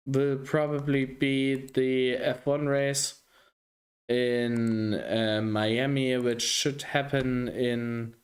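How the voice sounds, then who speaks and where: A man with a hosts a live sim racing broadcast. He speaks at an unhurried, drawn-out pace in a middle pitch, jokey and self-deprecating. His commentary is casual and friendly. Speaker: race commentator and stream host.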